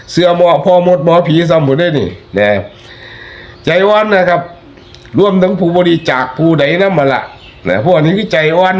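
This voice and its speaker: Folksy Isan man preaching warnings. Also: a little high. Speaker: online commentator. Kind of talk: casual spoken commentary.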